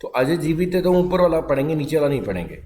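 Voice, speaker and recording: A male English teacher giving a grammar lesson, dictating English phrases slowly and explaining briskly in Hindi. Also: a little high, very animated, a little mellow, a little hiss or hum. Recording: echoey room with long reverb.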